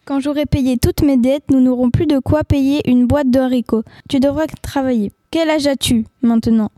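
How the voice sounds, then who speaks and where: A blunt, bankrupt little father, as a woman reader voices him, curt and lecturing. The voice stays high and mellow, dry and close in a storybook reading. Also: fairly even intonation, normal speed, no room sound, faint music behind, natural voice. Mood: cold lecturing. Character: bankrupt small mustached father, blunt and cold. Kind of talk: audiobook reading.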